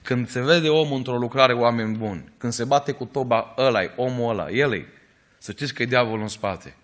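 A man preaching a sermon in an earnest storytelling way, rising at times to emphatic, louder peaks. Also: mid-range voice.

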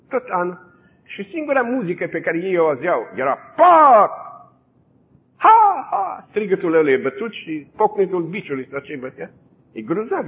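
A man preaching, telling a vivid story in a lively, animated way, heard over a tinny, phone-like broadcast line. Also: a little high. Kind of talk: sermon storytelling.

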